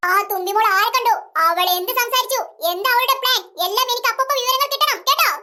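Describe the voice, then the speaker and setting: A woman's voice: extremely high pitch, fast, sharp tone, full character voice. A woman voicing a scheming, bossy mother who gives her daughters orders in a cartoon serial. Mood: commanding. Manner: commanding.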